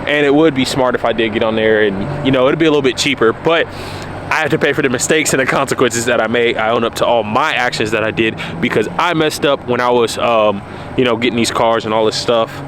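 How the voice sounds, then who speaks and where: A young man in his early twenties with a drawl, talking casually and candidly to the camera. He circles back and repeats himself for emphasis. He is recorded outdoors, with clear traffic and street noise behind him. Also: medium pitch, a little fast. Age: early 20s. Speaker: car vlogger. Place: outdoors by his car in cold weather.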